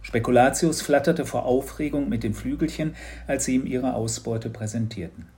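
A man reading a children's audiobook, narrating in a lively, expressive way. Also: medium pitch, moderate pace.

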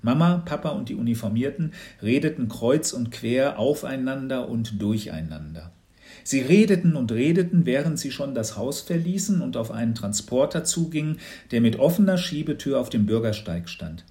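A man reading a children's storybook aloud in a lively, expressive manner. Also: mid-range voice, normal speed. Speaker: narrator.

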